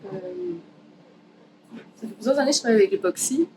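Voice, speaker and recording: Fast and warm, this woman's higher voice comes through poor audio with a little hiss or hum, plus background music. A craft artist with a Québécois French accent, she hosts a casual making-of vlog from her art workshop, explaining steps informally, thinking aloud, and using some English words.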